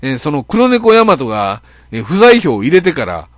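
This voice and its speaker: A man's voice: on the high side, wildly swooping pitch, moderate pace, fairly bright tone, no room sound. A man with an Okayama accent hosting a net radio show, telling a grumbling, self-mocking story full of fillers. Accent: Okayama Japanese. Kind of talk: casual monologue, comic storytelling.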